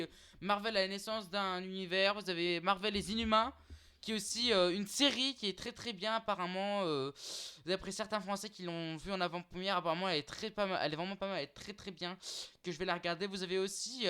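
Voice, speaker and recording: A young YouTuber casually lists streaming titles to his viewers in unscripted vlog talk, calling them guys. His voice sits high and sounds bright, forceful and smooth, though he's hesitant, full of fillers and restarts.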